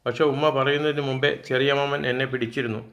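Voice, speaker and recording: A man's voice: medium pitch, steady tone, fast, fairly bright tone, highs cut off. A man narrating a first-person childhood story as a storyteller.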